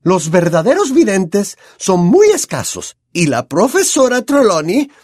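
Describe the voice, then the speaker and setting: A man voicing a strict middle-aged woman professor with a Latin American Spanish accent, speaking in a crisp, dryly sarcastic way. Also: high voice, wildly swooping pitch, a little slow, darkish tone, dry recording, studio quality, pitched above the performer's own voice, exaggerated voice. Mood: stern, dry.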